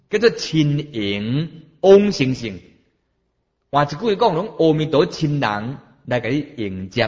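A middle-aged man preaching a Buddhist sermon, drawing out his phrases with emphasis and posing rhetorical questions to the listeners. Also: a little high. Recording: dull lo-fi recording.

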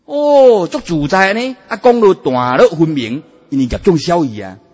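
Animated husky preacher. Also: male voice, high-pitched. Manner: animated, emphatic, drawn-out particles. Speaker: Buddhist preacher. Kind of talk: sermon. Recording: dull, echoey hall sound.

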